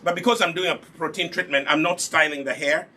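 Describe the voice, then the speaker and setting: With a slightly high, sharp voice and steady tone, a Ugandan-accented man from Uganda talks a little fast while hosting a casual live hair care demo, instructing viewers and repeating the main points as he sells and shows off natural hair products. There's slight background noise.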